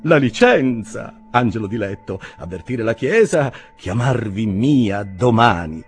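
A man voicing a smooth-talking gentleman swindler who speaks in short, choppy phrases. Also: on the low side, big pitch swings, unhurried, soft background music, pitched above the performer's own voice. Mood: clipped.

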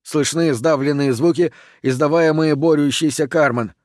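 Man narrating an audiobook, higher voice. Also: normal speed, no echo, studio quality.

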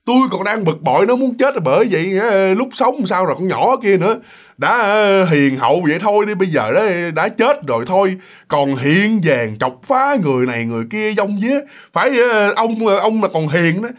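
A man voicing a sharp-tongued older woman who sells noodle soup, talking in a scolding, boastful way. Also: mid-range voice, big pitch swings, fairly quick.

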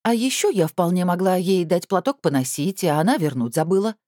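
A woman reading an audiobook, voicing a sly, mocking woman who feigns innocence with a bright, teasing, raised voice. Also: fairly low pitch, expressive, a little fast, no echo, clean studio sound, voice pushed up, natural voice. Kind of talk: audiobook character voice.

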